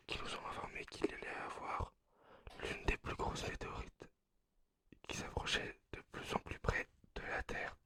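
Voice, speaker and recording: A man playing an anxious apocalypse survivor in a whispered role-play, speaking haltingly and muffled through a face mask. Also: bright, forceful tone. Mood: grave, hesitant. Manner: hesitant, halting storytelling.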